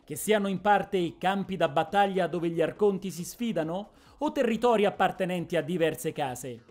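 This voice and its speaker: Expressive woman storyteller. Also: on the low side, moderate pace, faint music behind. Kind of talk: dramatic audiobook narration.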